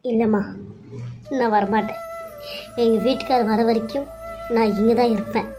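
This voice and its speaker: A woman's voice: fairly high pitch, steady tone, normal speed, music in the background, lightly acted. A woman voicing a hurt young wife who firmly refuses to leave. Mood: stubborn. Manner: firm, insistent.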